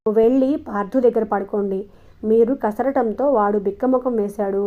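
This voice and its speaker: A woman voicing a gentle, caring young village mother who speaks softly and coaxingly, in a dull lo-fi recording. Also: fairly high pitch, fairly even intonation, normal speed, natural voice. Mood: tender. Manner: soft and coaxing.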